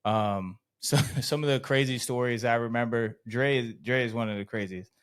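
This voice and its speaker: A man's voice: mid-range voice, normal speed, clean tone. A man hosting a podcast in casual chat, telling stories with frequent laughter. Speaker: podcast host.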